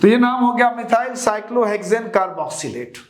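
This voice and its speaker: A man's voice: high-pitched, animated, fairly quick. A man teaching chemistry to students in a lecture, asking rhetorical questions, repeating the answers and calling his students children. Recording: echoey room.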